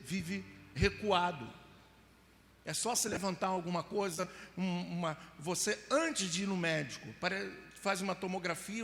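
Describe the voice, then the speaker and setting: A man's voice: high voice, a little hiss or hum. A middle-aged Brazilian man preaching a sermon, telling personal stories and acting out scenes with voices and mock crying. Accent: Brazilian Portuguese. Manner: storytelling, acts out scenes with mock crying and voices, rising to shouts. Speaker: pastor. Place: church hall. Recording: live church hall with reverb.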